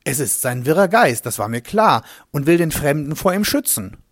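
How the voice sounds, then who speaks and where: A humble swineherd recounts his story with a lively, rising and falling voice, as a man plays him. He tells it in a reflective, vivid monologue. The recording is dry and close, with no room sound. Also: a little high, normal speed, dry recording. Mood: thoughtful. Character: humble male swineherd recalling a strange day. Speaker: first-person narrator.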